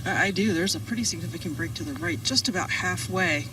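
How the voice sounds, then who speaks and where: A woman gives live on-course golf commentary. Her voice is low for a woman and sounds distant, with clear outdoor noise around it. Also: fast. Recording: distant, noisy outdoor ambience.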